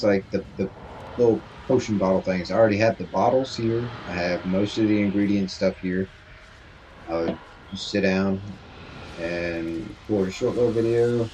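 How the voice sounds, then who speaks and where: A man's voice: lowish voice, moderate pace, a little mellow, slight background noise, low-quality recording. A man streaming a game from his home stream room, chatting with viewers in a rambling, easygoing way and laughing often into his desk mic. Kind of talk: casual chat with viewers while gaming. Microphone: desk microphone.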